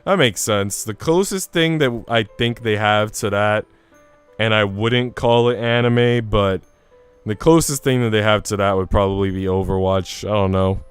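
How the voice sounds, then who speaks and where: A male game streamer talks informally on his livestream, using slang and drifting from topic to topic while music plays behind him. He speaks at a normal speed in a lowish, clear, resonant voice.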